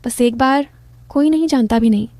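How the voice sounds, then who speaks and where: A man's voice: very high-pitched, moderate pace, a little mellow, no echo. Woman voicing a coaxing young son-in-law.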